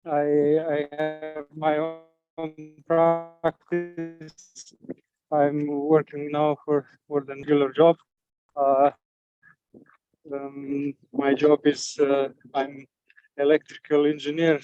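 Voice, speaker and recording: Hesitant, slow-talking man, soft and dull-sounding. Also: on the high side, smooth, no echo. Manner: hesitant, halting with many fillers. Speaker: community co-founder, life coach. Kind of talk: casual video message. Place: outdoors in woods, running.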